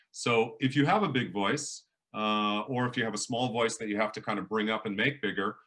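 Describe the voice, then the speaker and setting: A middle-aged professor runs a public speaking workshop in a big, booming teacher's voice. His lively lecture is forceful and animated, shifting volume and pace for emphasis.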